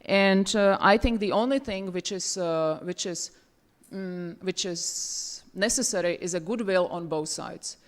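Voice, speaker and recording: A woman from Czechoslovakia speaking English at a roundtable discussion, pausing often with fillers and restarting her sentences. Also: medium pitch. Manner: hesitant, many fillers and restarts. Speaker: roundtable panelist. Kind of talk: conference panel remarks. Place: university seminar room.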